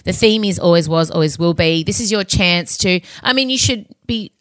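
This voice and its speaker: A woman's voice: on the low side, animated, normal speed, fairly bright tone, no echo. An Australian woman hosting a podcast in a casual, candid chat, cheeky and effusive. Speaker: podcast host. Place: home, close dry recording.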